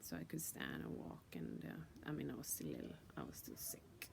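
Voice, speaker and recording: A woman telling her own story in a casual, halting way, with lots of fillers, restarts and swearing, and repeating words for emphasis. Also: rumbling low, huge pitch swings, vocal fry, slight background noise.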